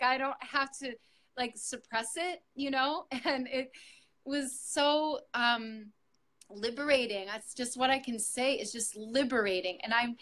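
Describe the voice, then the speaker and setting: Her voice fairly high in pitch and fairly bright, a middle-aged yoga teacher recounts her story to her coach in an earnest, reflective interview testimonial. The heartfelt account is dotted with frequent fillers and restarts.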